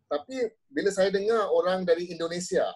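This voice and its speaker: Guy chatting on a panel, slightly higher voice, easygoing, slips english words in. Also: moderate pace, darkish tone, husky, rough recording. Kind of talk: panel discussion.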